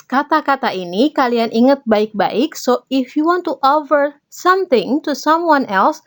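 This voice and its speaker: Woman teaching English phrases. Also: fairly high pitch. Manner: reads English example phrases slowly and clearly, then explains them in Indonesian. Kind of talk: bilingual grammar lesson.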